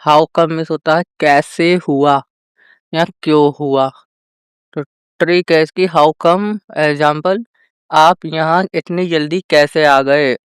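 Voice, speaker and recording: A male teacher giving a vocabulary lesson, addressing viewers as friends and slowly drawing out each example sentence. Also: on the high side, steady tone, clean tone, no echo, studio quality. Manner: slow, drawn-out example sentences. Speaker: English teacher.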